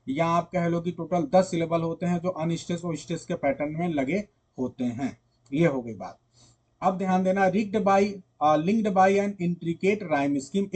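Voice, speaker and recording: A male teacher lectures on poetry for exam preparation. His voice sits a little high for a man. He goes over each point more than once and keeps testing the class with questions he then answers himself. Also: a little mellow. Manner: explains patiently, repeats points, quizzes students with rhetorical questions. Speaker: literature teacher. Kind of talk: online exam-prep lecture.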